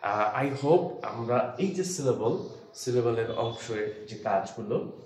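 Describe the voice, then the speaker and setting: A man's voice: mid-range voice, expressive, takes it slowly, darkish tone. Man, Bengali accent, English teacher, step-by-step explaining, echoey room, faint background noise. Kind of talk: classroom lesson.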